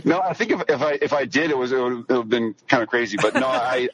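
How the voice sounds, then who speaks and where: A middle-aged man with an American accent telling stories in a halting, rambling way in a casual interview. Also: medium pitch, expressive, fairly bright tone, a little hiss or hum, low-quality recording. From rural Missouri, United States. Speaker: podcast guest, sword-fighting hobbyist.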